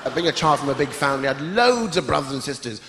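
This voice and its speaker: A man's voice: on the high side, expressive, fast talker, background noise. A man hosting a stand-up comedy show on a theatre stage, playfully teasing the audience. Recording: echoey theatre with loud crowd.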